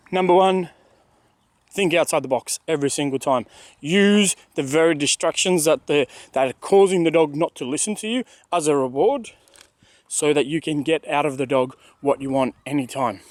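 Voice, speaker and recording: Speaking at a moderate pace in a slightly high voice, a man at an outdoor dog park explains how to train dogs. His casual delivery is emphatic and repetitive, and he acts out what the dog thinks. The recording is dry.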